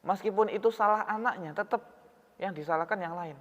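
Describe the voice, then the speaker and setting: The preacher's voice is high, a bit bright and a little fast as he delivers his sermon in a mosque hall. Conversational in style, he directs questions at those listening, all recorded with a dull, reverberant hall sound.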